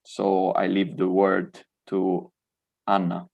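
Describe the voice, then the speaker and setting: An Italian man in his twenties hosts an online event, switching easily between English and Italian. His low-pitched voice is monotone, slow, and marked by vocal fry, and the recording sounds muffled.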